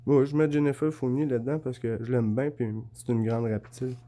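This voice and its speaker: In a brisk, mellow mid-range voice, a man with a Québécois accent holds forth to camera in a rambling, casual monologue. He shows off notes and drawings, repeatedly demanding to know whether viewers follow him.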